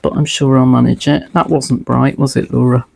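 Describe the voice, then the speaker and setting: Her voice very deep and a little mellow with vocal fry, a middle-aged woman talks casually through a sewing tip in her own sewing room. She speaks at normal speed in a level tone, sounding slightly throaty from a cold, and as a vlogger she's chatty and self-deprecating, dropping plenty of ums.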